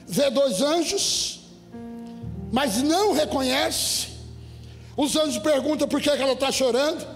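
A Brazilian man preaching as a pastor, emphatic and often rising to shouts while speaking directly to his congregation. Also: very high-pitched. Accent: Brazilian Portuguese. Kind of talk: sermon. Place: church. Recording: echoey hall with faint music.

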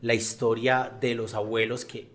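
A man in casual conversation with friends, speaking in a halting, emotional manner. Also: mid-range voice, flat delivery, fairly bright tone.

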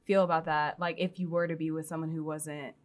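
A young woman hosts a casual interview podcast, talking in a relaxed, chatty way and dropping in filler words as she goes. Her voice sits a little low for a woman. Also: brisk. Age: young adult. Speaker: podcast host.

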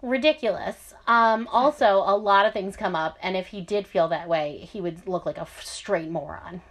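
A young woman narrates a true crime case in loose, chatty podcast talk. She breaks off for sarcastic asides and fills gaps with ums and uhs. Her voice sits at an ordinary middle pitch. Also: moderate pace, fairly bright tone. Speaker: podcast host telling a true crime story. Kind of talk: casual storytelling chat.

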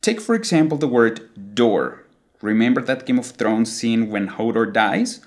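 A man's voice: medium pitch, lively intonation, measured pace. A man teaching English pronunciation in a scripted lesson, showing the sounds by imitating accents.

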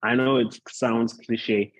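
A man preaching as a guest pastor in an informal, measured, unhurried way, often repeating points for emphasis. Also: mid-range voice, flat delivery, no room sound. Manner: unhurried, measured delivery with deliberate repetition. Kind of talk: sermon, informal preaching to an online gathering.

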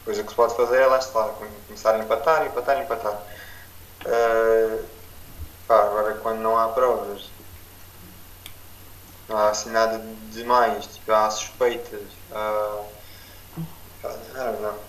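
A man's voice: lowish voice, little pitch movement, moderate pace, long pauses, fairly bright tone. A young man with a European Portuguese accent debating casually on a podcast in a slangy, sceptical way. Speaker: podcast co-host. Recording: roomy, distant mic, noisy background.

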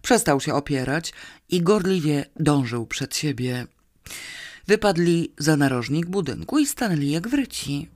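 Audiobook reader, unhurried and expressive, dry close sound. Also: mid-range voice, dry recording. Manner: slow, measured, expressive reading. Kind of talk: audiobook narration.

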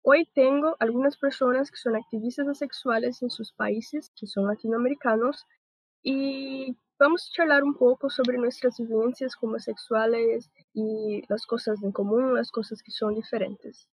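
A woman's voice: a little high, steady tone, moderate pace, husky, dry recording. Young Brazilian woman hosting a call. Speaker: host. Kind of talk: casual video-call panel. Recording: dry, dull lo-fi call audio.

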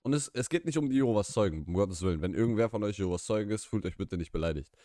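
Rapid-fire and lively in intonation, a young native Russian speaker's voice sits on the low side with a dark tone. He co-hosts a podcast as a casual, rambling, opinionated chat on a live stream from a small room, restarting and self-correcting often, with clean studio sound and no echo.

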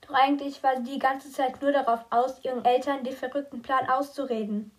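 Woman narrating a novel, high voice, stumbles on words now and then. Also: a little fast. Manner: steady narration with occasional slips. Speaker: audiobook reader. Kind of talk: reading a novel aloud.

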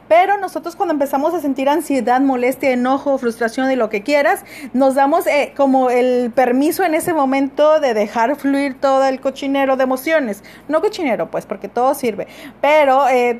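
A woman's voice: high voice, normal speed. A woman hosting a self-help podcast, speaking straight to her listener in a coaching tone. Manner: warm coaching tone, addresses listener directly. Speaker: podcast host.

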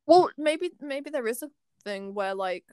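A woman's voice: sits high, lively intonation, measured pace, warm tone, clean tone, dry recording. A young woman co-hosting a casual fan podcast, talking in an enthusiastic, rambling way full of fillers and restarts. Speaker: podcast co-host.

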